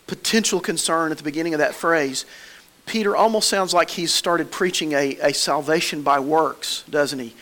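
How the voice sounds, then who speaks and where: The man speaking is a pastor from the American South, with a fairly high pitch and fairly bright tone. His church sermon feels homey and conversational, built around down-home stories.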